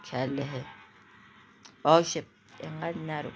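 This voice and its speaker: A woman giving let's-play commentary, anxious and exclaiming in quick repeated words, then talking herself back to calm. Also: sits low. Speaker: gamer playing a climbing game. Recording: loud clicking noise behind voice.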